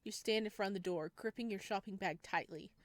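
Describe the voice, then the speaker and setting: A woman with a mid-range voice and fairly quick delivery plays a horror visual novel, reading its second-person narration aloud and tossing in asides to her viewers. The recording has no echo.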